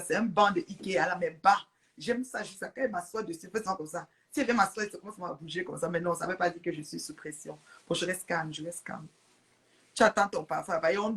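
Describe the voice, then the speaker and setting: A woman hosting a casual live stream, chatting with viewers, greeting and thanking them, laughing often. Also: fairly low pitch. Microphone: phone or webcam on a live stream.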